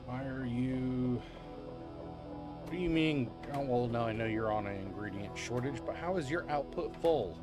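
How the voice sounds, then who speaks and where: Mid-pitched man thinking aloud on stream. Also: moderate pace, music in the background. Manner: thinking aloud, repeating phrases. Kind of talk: casual gaming stream chat.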